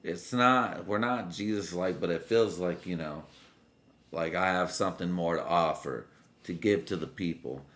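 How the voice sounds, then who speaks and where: A man's voice: sits low, normal speed, a bit bright. A man in his late twenties on a drunk, loose, rambling casual solo rant, full of slang and swearing. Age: late 20s. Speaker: vlogger.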